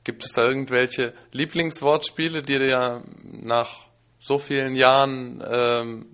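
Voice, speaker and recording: A man interviewing a comedian, asking questions in a relaxed, informal way with some fillers. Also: medium pitch.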